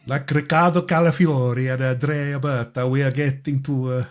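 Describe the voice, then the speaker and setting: A man hosts a football podcast in casual conversation, his husky voice at medium pitch and steady in tone. He speaks haltingly, repeating words.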